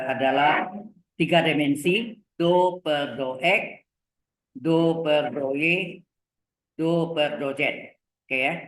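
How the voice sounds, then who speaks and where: A middle-aged man gives a maths lecture in a slightly high voice. He talks slowly, repeating key terms and asking whether the class follows. The room sounds echoey. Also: fairly bright tone. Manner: slow, repeats terms, asks checking questions. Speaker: university lecturer. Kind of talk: live lecture on vector calculus.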